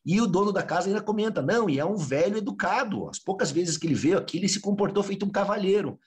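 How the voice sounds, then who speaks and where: Fast-talking man telling a story. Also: high-pitched. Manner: animated storyteller acting out dialogue. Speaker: researcher. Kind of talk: interview storytelling.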